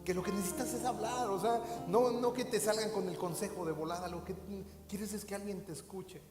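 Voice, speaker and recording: A man's voice: sits high, fairly even intonation, a little fast. A man with a Mexican accent, a pastor preaching a sermon with repetition and direct questions to the listeners. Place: church hall. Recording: echoey hall with faint music.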